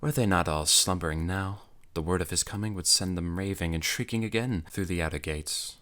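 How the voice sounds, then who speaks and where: A man's voice: sits low, brisk. A man voicing a cool, worldly noblewoman. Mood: ominous. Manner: calm, matter-of-fact storytelling of dread. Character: languid, worldly young noblewoman, cool and knowing. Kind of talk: audiobook character voice.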